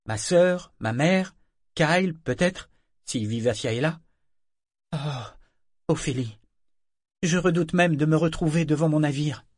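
A man's voice: a little high, slow, long pauses, no echo, studio quality, voice pushed up. A man voicing an anxious, torn young woman sailor in an audiobook, speaking earnestly and fretfully.

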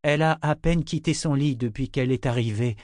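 A man's voice: mid-range voice, a little fast, a little mellow, no room sound, clean studio sound, pitched above the performer's own voice, lightly acted. A man reading the part of a frightened mother who speaks short of breath. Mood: anxious.

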